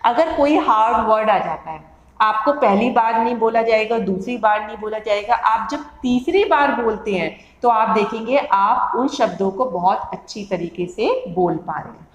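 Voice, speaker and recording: A woman's voice: on the high side, moderate pace. A woman teacher educator giving a lecture, explaining with everyday classroom examples and repeating key terms in two languages. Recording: echoey room.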